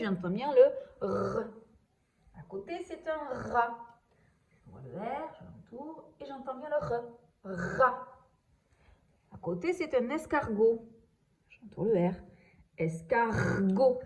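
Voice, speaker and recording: A woman's voice: fairly high pitch, dark tone, low-quality recording. Patient woman teaching young children. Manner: slow, patient, spells out sounds and letter strokes. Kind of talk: reading and handwriting lesson for young children.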